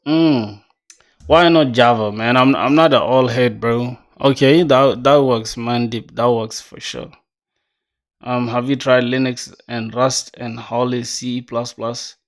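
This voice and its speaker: A man's voice: medium pitch, fairly even intonation, takes it slowly. Laid-back slangy young man streaming. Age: 20s. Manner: laid-back, slangy, reads viewer chat aloud. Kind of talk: casual livestream chat while coding.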